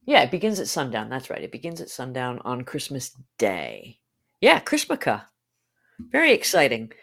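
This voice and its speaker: A woman's voice: a bass voice, huge pitch swings, brisk, creaky, a bit bright. A woman hosting a podcast in casual chat, cheerful and chatty, reading out listener comments. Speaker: podcast host.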